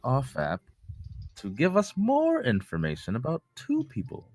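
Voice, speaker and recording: A man's voice: medium pitch, a little slow, no room sound, clean studio sound. A man chatting casually during an online game, joking and talking to himself as he types. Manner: animated, joking, talks to himself while typing.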